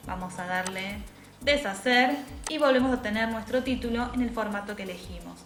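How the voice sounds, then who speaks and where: A woman teacher, patiently explaining a software tutorial step by step and checking in with tag questions. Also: mid-range voice, moderate pace. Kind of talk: screen-recorded software tutorial. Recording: echoey room with faint music.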